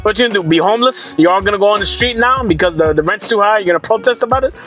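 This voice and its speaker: Man, high-pitched, profane rambling rant, sarcastic, soft music underneath. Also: rapid-fire. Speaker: gaming commentator. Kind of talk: casual rant to camera.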